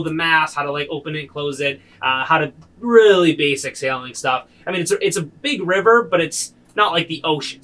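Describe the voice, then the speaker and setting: A man's voice: a little high, fairly bright tone, low-quality recording. A man narrating as game master of a tabletop game, talking with many ums and restarts.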